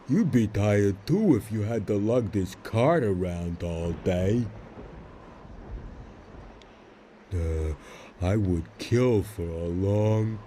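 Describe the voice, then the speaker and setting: A big, dim frontier workman from a video game, grumbles wearily. His voice is dark and slow, full of tired sighs and simple-minded plainness, with slight background noise. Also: lowish voice. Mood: weary, grumbling. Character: big, dim, weary cart-hauling labourer. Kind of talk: video game character acting.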